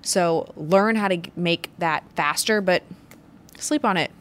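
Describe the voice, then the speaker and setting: A woman's voice: on the low side, unhurried, a little hiss or hum. A woman business owner hosting her own show, giving a motivational business talk with emphatic, punchy phrasing. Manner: emphatic, punchy delivery with stressed short phrases. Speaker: business owner and podcast host.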